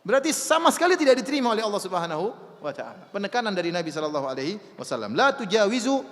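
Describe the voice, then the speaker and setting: A man's voice: high-pitched, big pitch swings, rapid-fire, fairly bright tone, long reverb tail. A man giving a sermon to an audience, emphatic, asking rhetorical questions and answering them himself. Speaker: preacher.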